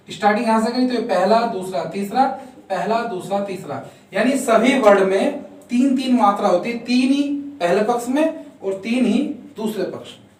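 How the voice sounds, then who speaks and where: Male teacher, patient step-by-step counting, very echoey room, voice far from the mic. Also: high voice. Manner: counts out strokes, asks and answers own questions. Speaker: shorthand teacher. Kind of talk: step-by-step lesson.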